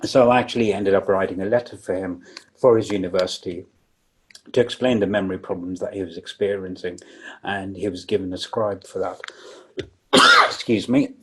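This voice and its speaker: A man with a somewhat low, husky voice gives a public lecture. He explains step by step, with frequent ums and restarts. He sounds a little rough from coughing and talks around a throat lozenge. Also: fairly even intonation, moderate pace, a bit bright.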